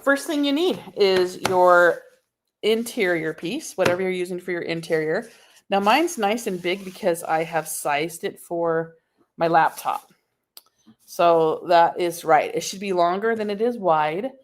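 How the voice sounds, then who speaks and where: A sewing instructor with a lowish voice talks at a measured pace while hosting a live sewing tutorial. She chats casually and answers viewer comments as she works, recorded on a laptop microphone in her home sewing room.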